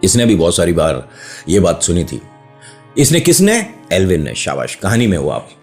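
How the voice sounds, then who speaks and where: Over soft background music, a man with a low voice and wildly swooping pitch casually tells a horror story at a moderate pace. As a storyteller host, he is chatty and often breaks off for joking asides to his listeners and playful digressions.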